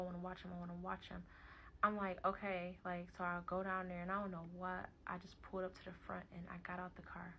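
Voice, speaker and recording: A woman's voice: lowish voice, creaky, a bit bright. A young woman telling her own story in a casual storytime vlog, candid and emphatic, with slangy talk and free swearing. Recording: slightly dull lo-fi audio with faint background hiss.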